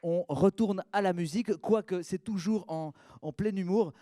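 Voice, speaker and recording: A man hosting a cabaret show, introducing the acts lively with hesitant, repeated words. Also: sits high, normal speed, no echo, clean studio sound. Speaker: host.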